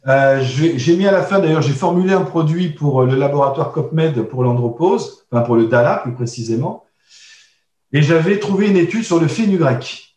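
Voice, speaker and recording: A man's voice: a little high, normal speed, darkish tone. A man teaching a recorded course on herbal medicine, explaining slides with frequent hesitations, restarts and asides to his listeners. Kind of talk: recorded online lesson with slides. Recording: echoey room, voice a bit distant.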